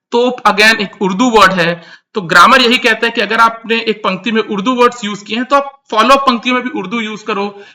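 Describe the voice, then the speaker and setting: A man's voice: high voice, sharp tone. A man giving an emphatic commentary that explains and critiques song lyrics, repeating his key points and mixing English words into Hindi.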